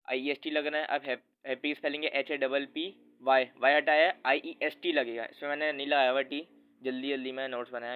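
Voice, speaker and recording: A man's voice: mid-range voice, smooth. A man teaching English grammar in a casual, informal way, often correcting himself as he talks to his students. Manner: informal, addresses viewer as friend, self-corrects often. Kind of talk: casual explanatory lesson. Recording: tinny phone-like audio.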